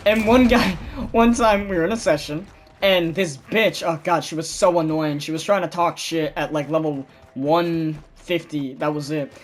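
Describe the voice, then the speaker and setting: A young man tells stories to his friends over a gaming voice chat, animated and quick to swear, and he loudly mimics the people he talks about. His voice sits a little high. Faint noise runs under the recording. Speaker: gamer chatting with friends.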